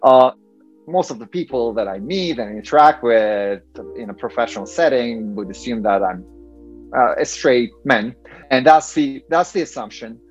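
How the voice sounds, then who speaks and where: A man's voice: mid-range voice, animated, moderate pace, muffled recording, faint music behind. A man, a guest speaking thoughtfully and hesitantly with many fillers in a casual interview. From Turkey. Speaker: guest, engineering professor.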